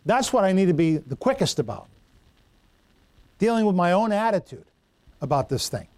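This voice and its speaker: With a sing-song lilt at an ordinary pace, a middle-aged pastor whose voice is slightly high and a touch mellow delivers a folksy sermon in conversational fashion. He gets tangled on Greek words and meanders into homely stories, heard in a dry, close, echo-free recording.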